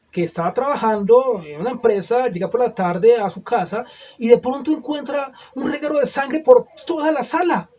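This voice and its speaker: A man's voice: sits high, darkish tone. A male preacher giving a sermon, earnest and full of rhetorical questions to the listeners.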